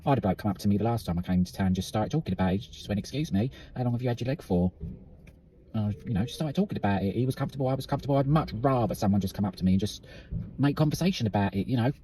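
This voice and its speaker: Sweary British man with a mellow voice. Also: fairly low pitch, rapid-fire, a little hiss or hum. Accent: British English. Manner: candid, sweary, ranting. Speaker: vlogger. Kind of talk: casual vlog monologue.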